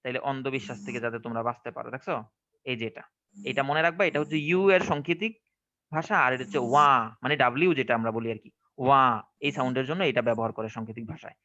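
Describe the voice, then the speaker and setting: Fast, bright Bangladeshi teacher. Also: male voice, mid-range voice, muffled recording. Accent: Bangladeshi Bengali. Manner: questioning, checks understanding often. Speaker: English teacher. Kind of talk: online classroom lesson.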